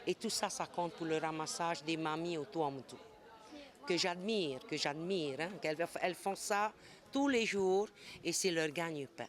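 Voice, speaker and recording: A woman's voice: sits low, normal speed. A woman craft artisan talks earnestly to a reporter at an outdoor market. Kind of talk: street interview. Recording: outdoor crowd chatter.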